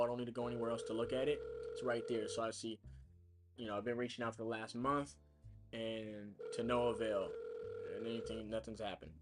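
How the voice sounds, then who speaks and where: A man live streaming his cold calls, chatty and full of fillers as he explains what he's doing. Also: mid-range voice. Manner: chatty, explains as he works, many fillers and restarts. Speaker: real estate caller livestreaming his work. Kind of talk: casual live stream talk. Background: music.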